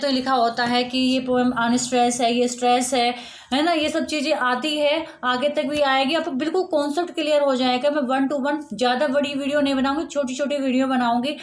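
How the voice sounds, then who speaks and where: A young woman teacher explaining a lesson patiently, repeating and rephrasing each point and mixing Hindi with English terms. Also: sits high.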